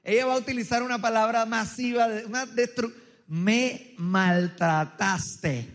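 A man preaches to a crowd, his loud, strong, high-pitched voice carrying through a big hall with long reverb. He jokes, tells stories and keeps asking the congregation for a show of hands. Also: little pitch movement, fast. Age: adult, married. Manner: joking, storytelling, quizzing the crowd. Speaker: pastor. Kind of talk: humorous sermon with audience interaction. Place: large church hall with tiered seating.

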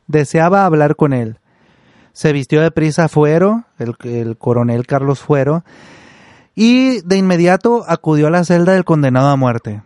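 A man's voice: fairly high pitch, darkish tone, no room sound, studio quality. A man narrating a history story and then giving casual, indignant commentary.

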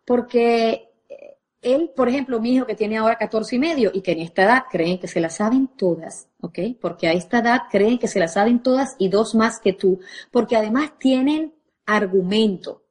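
A woman's voice: a little high, normal speed, a little mellow, husky. A woman parenting coach, speaking expressively and directly to a live audience.

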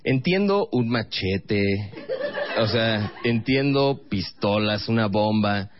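A man with a Mexican Spanish accent doing stand-up comedy, telling stories in fast, rambling bursts with laughing asides. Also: fairly low pitch, lively intonation, dull audio, noisy background.

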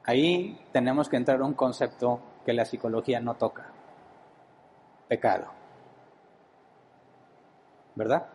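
Preacher, male, mid-pitched, teaching style, rhetorical questions. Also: a little fast, few pauses, a little mellow, a little hiss or hum, low-quality recording.

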